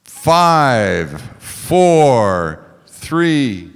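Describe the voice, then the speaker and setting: A radio play director and announcer reads scripted introductions and advertising copy in a theatrical, emphatic 1940s radio style. His medium-pitched voice is clean and very animated, with drawn-out words. He's on the stage of a large hall, and the recording is echoey, with music behind him.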